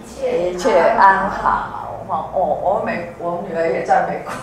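A middle-aged woman with a Taiwanese Mandarin accent gives a sermon as a pastor's wife, lively and often asking the audience questions. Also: fairly low pitch, moderate pace, a crowd in the background. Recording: echoey hall with faint background noise.

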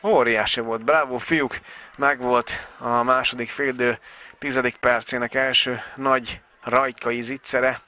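An excited man calls a local football match live. His voice is bright and forceful, sitting a little on the higher side of average for a man only when he gets carried along. He sounds openly on the side of the home team. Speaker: football commentator.

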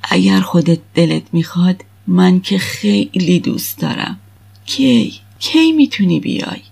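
A composed older mother, as a woman reading the audiobook puts her on, reserved and formal. Her words come measured and soft, with a husky edge and a lowish voice. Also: animated, full character voice. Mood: hopeful.

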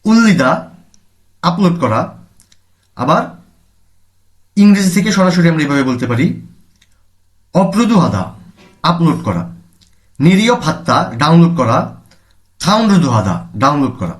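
A man's voice: on the high side, big pitch swings, unhurried, long pauses. A man with a Bangladeshi accent teaching a language lesson, explaining each word, repeating terms and answering his own questions.

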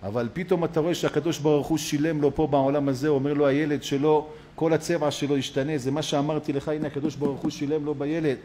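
A rabbi with a somewhat high voice gives a sermon in a synagogue. He tells the story with lively energy. He acts out the lines of each person in it. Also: hardly any pauses, a little hiss or hum. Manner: animated storyteller who acts out the quoted speakers.

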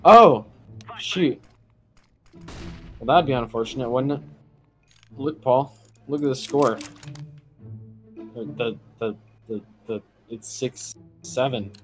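A man's voice: medium pitch, slow pace, pauses often, fairly bright tone, faint music behind. A teenage boy chatting casually while playing a shooter game, goofy and prone to bursts of laughter. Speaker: gamer. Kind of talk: casual gaming chat.

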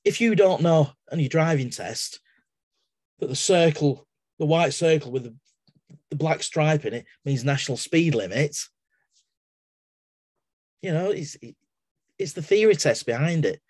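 Explaining things casually in a webinar, this middle-aged exam assessor with an English accent speaks unhurriedly in a slightly high, expressive and a little mellow voice, leaving long pauses. He is a guest speaker on a video call from his home study via laptop webcam, chatty and digressive, reaching for everyday examples and frequently restarting. There is no room sound.

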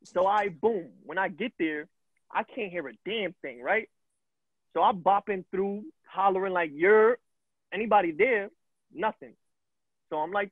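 Young man doing brash territorial tough, high husky voice, tinny phone-like video call. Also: no room sound. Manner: brash, street slang, confrontational. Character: tough young man claiming a space as his own. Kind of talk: amateur videoplay acting.

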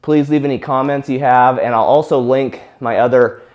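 A young man coaching viewers through shoulder rehab exercises. He talks in a relaxed, easygoing way while he demonstrates the moves. Now and then he sounds winded from the effort. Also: mid-range voice, moderate pace, dull audio. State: out of breath during exercise. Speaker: physical therapy instructor.

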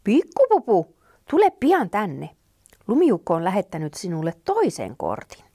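A woman voicing a gentle, reassuring mother rabbit in a children's storybook. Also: medium pitch, slightly rough, no echo, clean studio sound. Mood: calling. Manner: calm and reassuring.

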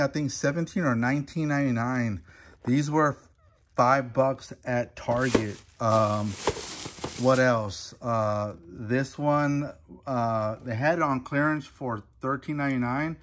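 This Houston, Texas toy reseller, a man in his thirties or forties, shows clearance finds in a casual, unscripted vlog, speaking haltingly in a mid-range, slightly bright voice. He films in his garage with a phone held at arm's length while a thunderstorm rages. Garage noise varies from faint to clear, mixed with rain, thunder and clicks.

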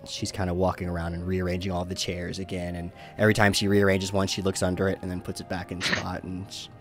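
A man narrating as game master in a relaxed, rambling way. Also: low voice, fast talker, faint music behind. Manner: relaxed, filler-laden.

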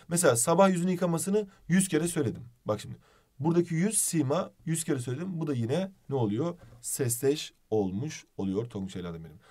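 A male teacher runs a video lesson in a playful, animated way, asking questions as he goes. His voice sits fairly high and moves a lot in pitch.

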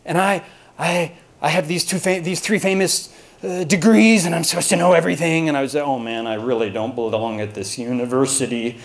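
Speaking briskly in a slightly high voice, a Texan university lecturer from Austin rambles through a lighthearted talk for his colleagues. He keeps cracking jokes about himself as he tells his stories.

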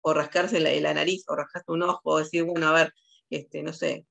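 A woman's voice: low voice, flat delivery, normal speed, vocal fry, fairly bright tone. A woman psychologist with a Rioplatense Spanish accent giving a lecture over a video call, talking with many fillers and restarts.

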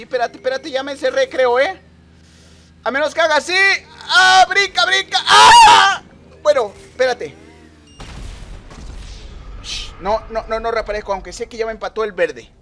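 Excitable high-voiced gamer man. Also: a little fast, pauses often, a little hiss or hum. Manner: excitable, swings from muttering to shouting. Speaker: gaming streamer. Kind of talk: live gameplay commentary.

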